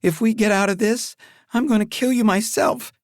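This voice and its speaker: A man reading the audiobook voices a panicked young woman, shrill and yelling in a car chase. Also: steady tone, normal speed, no echo, studio quality, close to an everyday voice.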